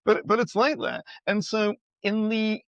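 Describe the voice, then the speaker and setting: A middle-aged man speaking as a guest expert in a conversational podcast interview, animated and acting out quoted dialogue with playful voices. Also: high-pitched, a little slow, vocal fry, dry recording. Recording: slightly dull, dry sound.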